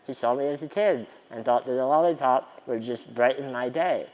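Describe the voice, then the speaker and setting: A man's voice: mid-range voice, moderate pace, big-room sound, muffled recording. A man in his twenties telling stories in a conference keynote, with a wry, self-deprecating humor. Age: 20s. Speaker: keynote speaker. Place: conference stage.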